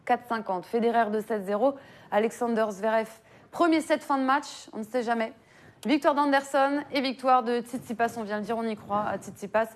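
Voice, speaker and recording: A woman hosting a live sports betting stream, brisk and upbeat as she reads promotions and runs a quiz. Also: on the high side, steady tone. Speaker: host. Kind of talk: live betting show presenting.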